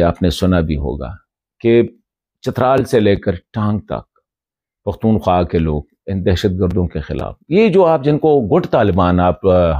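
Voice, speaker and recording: A journalist and commentator from Khyber Pakhtunkhwa in northwest Pakistan addresses a colleague directly in a commentary video, using rhetorical questions and respectful reproach. His voice is deep and dark in tone, with no echo and lo-fi sound.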